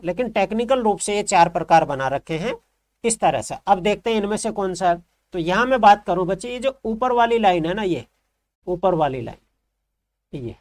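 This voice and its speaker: A male teacher giving a lesson, repeating each term and asking the class questions. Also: high voice.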